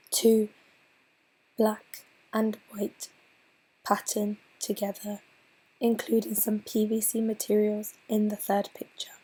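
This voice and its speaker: A hoarse woman, clearly ill, presents her slides in a breathy, half-whispered voice. She talks slowly and haltingly, restarting phrases as she goes. Her tone is mellow and dark, and her pitch stays flat. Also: low-quality recording. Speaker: student presenter.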